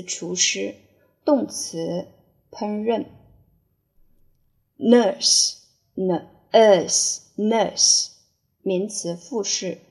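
A woman's voice: mid-range voice, creaky. A woman teaching English vocabulary. She spells each word letter by letter, repeats it, then gives its meaning. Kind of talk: vocabulary spelling and dictation drill.

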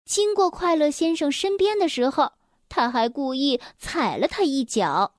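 A young woman reading a children's story aloud, gentle and expressive, speaking directly to the children. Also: sits high, a little slow, no echo, studio quality.

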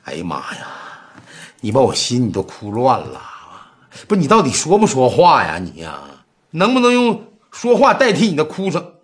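A brusque, lively-voiced boss. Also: male voice, mid-range voice, moderate pace. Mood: exasperated. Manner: blunt, exasperated scolding. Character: impatient middle-aged male boss, brusque but worried. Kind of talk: TV series acting.

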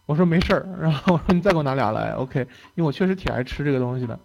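A man's voice: fairly high pitch, animated, very fast, gravelly, darkish tone, a little hiss or hum, low-quality recording. A young man giving a lecture in a casual storytelling way. He talks in a chatty manner, laughs often and tags his phrases with "OK" and "right?". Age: young adult.

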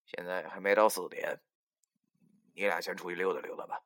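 A man's voice: sits low, steady tone, brisk, a bit bright, dry recording, clean studio sound. A man voicing an older roguish swindler who talks in a curt, brusque, cursing manner.

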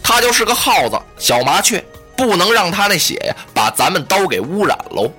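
Stern court adviser, low and controlled, voiced by a man. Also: very animated, faint music behind, full character voice. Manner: low, hushed, measured.

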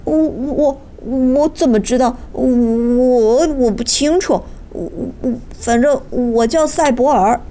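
A woman's voice: high-pitched, takes it slowly, hardly any pauses, mellow, a little hiss or hum. A woman voicing a bewildered young male servant who stammers and stumbles over his words in a children's story. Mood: flustered. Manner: stammering, flustered.

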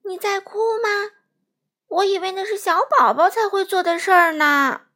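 A woman voicing a small silver fish, a brave and eager little male creature who talks in a high, excited voice. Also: normal speed. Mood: amazed.

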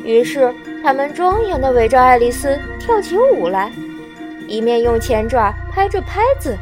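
A woman storyteller reading a children's storybook aloud in a gentle, expressive way, with soft music behind. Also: sits high, moderate pace.

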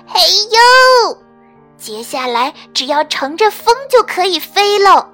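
A woman's voice: high voice, expressive, measured pace, fairly bright tone, faint music behind, voice pushed up. A woman voicing a timid little boy pterosaur chick in a storybook, stammering and eager. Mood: thrilled.

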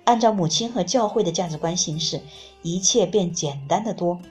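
Female audiobook reader: measured, calm first-person narration, slightly low register, faint music bed. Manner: calm, measured, steady reading.

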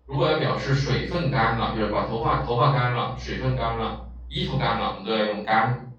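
A man's voice: medium pitch, fairly quick, fairly bright tone, slight background noise. A man teaching a vocabulary lesson, explaining patiently with many filler sounds. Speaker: Japanese language teacher. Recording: echoey, distant, dull lo-fi room.

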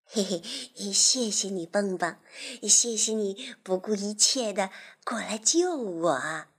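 A woman voicing an excitable little boy frog in a children's storybook, exclaiming playfully. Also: a little high, slow. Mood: tender.

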